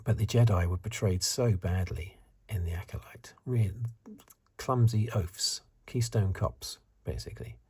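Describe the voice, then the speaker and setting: A man with a low voice, host of an ASMR review channel, speaks softly close to the microphone. His breathy, husky, partly whispered commentary muses haltingly as he shares his opinions.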